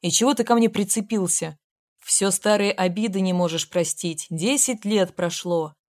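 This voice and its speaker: A woman's voice: mid-range voice, moderate pace, a little mellow, no room sound, studio quality, close to an everyday voice. A woman reading an audiobook, voicing an older male pensioner who grumbles indignantly. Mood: grumbling.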